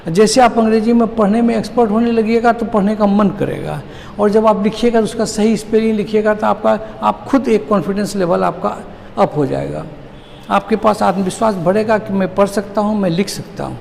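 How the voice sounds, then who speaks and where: A man teaching a classroom English lesson, drilling words slowly syllable by syllable and asking the class questions. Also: high-pitched, vocal fry, darkish tone, long reverb tail, slight background noise.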